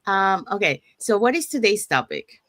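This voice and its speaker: A woman's voice: mid-range voice, big pitch swings, moderate pace, a bit bright, no room sound, clean studio sound. A woman from Panama hosting an online panel chat, explaining steadily with many "so" starts. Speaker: host. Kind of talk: casual panel chat and promo.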